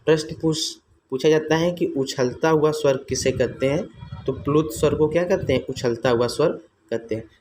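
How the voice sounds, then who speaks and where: A man's voice: on the high side, normal speed, darkish tone, slight background noise. A man teaching an exam-prep grammar lesson, asking his own questions and answering them, repeating each term.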